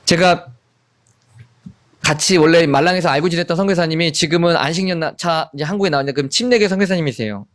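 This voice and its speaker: A man in his forties, a missionary pastor, preaching a sermon and acting out quarrels and apologies in quoted lines. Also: fairly high pitch. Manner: animated, acts out family quarrels in quoted lines.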